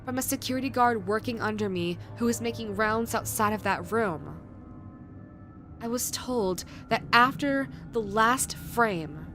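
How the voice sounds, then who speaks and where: A woman reading a scripted creepypasta horror narration in a measured way, with dramatic pauses. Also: a little high, lively intonation, fairly bright tone. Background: background music.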